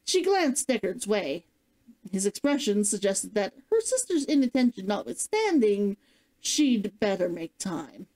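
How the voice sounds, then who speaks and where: A woman's voice: mid-range voice, sing-song, a little slow, mellow, low-quality recording. A woman narrating a novel like an audiobook, reading expressively and dramatically as a streamer. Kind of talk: scripted storybook narration, audiobook-like.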